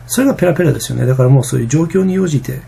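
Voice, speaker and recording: Fast, gravelly, husky-voiced man. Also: mid-range voice, dark tone. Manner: rambling, many fillers and restarts. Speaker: vlogger. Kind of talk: casual vlog monologue.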